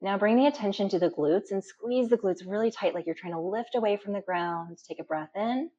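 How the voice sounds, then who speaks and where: A female meditation instructor calmly guides a deep relaxation session, giving instructions with slow pauses between them. The sound is lo-fi, dull and muffled.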